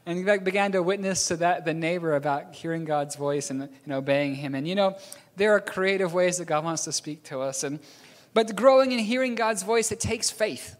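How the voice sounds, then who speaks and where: In a sermon built on storytelling, a man from New Zealand meanders slightly and chuckles as he fixes his errors. He speaks at a moderate pace in a high-sitting voice, with long reverb from the hall.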